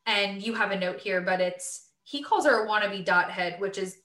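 Woman, late 20s, casual podcast co-host, chatty, bright voice, roomy echo. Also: mid-range voice, moderate pace. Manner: chatty, laughing, lots of fillers. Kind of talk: casual chat.

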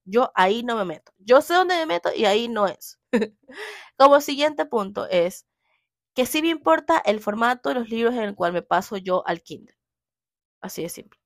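A young woman talking casually about what she loves and hates in books. She is emphatic and animated and hammers her points home with repeats. Her voice is mid-pitched and recorded close in a dry room. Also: dry recording. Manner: emphatic, animated, keeps repeating "así de simple". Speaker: book vlogger. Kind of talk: casual opinionated chat.

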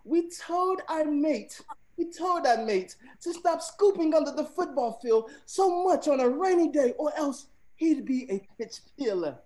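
A man's voice: very high-pitched, expressive, measured pace, a little mellow, pitched above the performer's own voice, low-quality recording. A man reading slang sentences in a put-on British accent, giggly and breaking into laughter mid-sentence. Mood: jokey. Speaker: game segment presenter.

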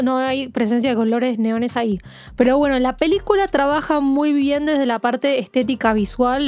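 A woman's voice: fairly high pitch, darkish tone. A woman co-hosting a podcast, casually explaining a film and often tagging her points with a questioning "no?". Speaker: podcast co-host.

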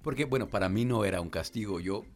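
A man's voice: fairly low pitch, fast. A man casually chatting, mostly answering with brief agreement. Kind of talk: casual chat.

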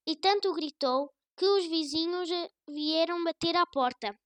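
A woman with a European Portuguese accent reading a children's story aloud in a gentle storybook manner. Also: very high voice, a little slow, no room sound.

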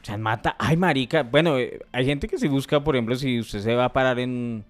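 A young man co-hosting a casual podcast, his banter loose, slangy and peppered with swearing. His voice is mid-pitched and ordinary. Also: fairly quick. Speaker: podcast co-host. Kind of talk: casual chat.

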